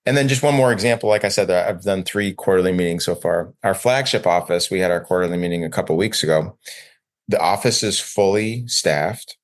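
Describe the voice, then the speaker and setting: A man's voice: sits low, fairly quick. A man hosting a solo business podcast, talking conversationally with fillers and self-corrections. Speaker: dental practice coach and podcast host.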